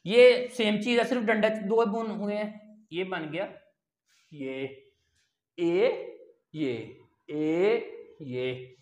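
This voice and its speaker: A language teacher explains step by step, asking questions and then answering them. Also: medium pitch. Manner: counts and repeats items slowly. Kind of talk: step-by-step online language lesson. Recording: roomy echo.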